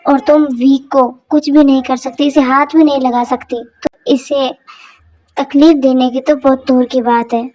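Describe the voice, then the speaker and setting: A woman's voice: sits high, flat delivery, unhurried, dark tone. Woman doing a hot-tempered young husband. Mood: angry. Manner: stern warnings. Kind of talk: Hindi fan dub drama.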